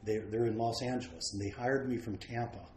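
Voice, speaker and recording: A man raised around the United States, a painter guest, telling frank, self-deprecating stories about his life in a relaxed way. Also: fairly low pitch, a little fast, a little hiss or hum. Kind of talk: relaxed anecdotal storytelling. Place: large home studio. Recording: roomy studio with faint ambience.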